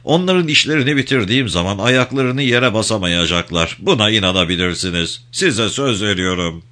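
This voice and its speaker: A man reading an audiobook, voicing a courteous, measured officer. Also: on the low side, expressive, bright, forceful tone. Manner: polite and measured. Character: smooth courteous male officer.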